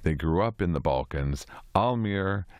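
A man hosting a live studio radio interview, asking brisk conversational questions. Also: deep voice, lively intonation, a little mellow, clean tone, no echo. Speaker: radio host.

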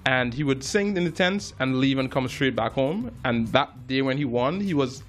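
Soft background music plays as a thirties-aged man from Trinidad and Tobago, a jazz musician and filmmaker, shares stories in a laid-back interview. His mid-range voice keeps a normal speed, and he leans on frequent fillers and restarts.

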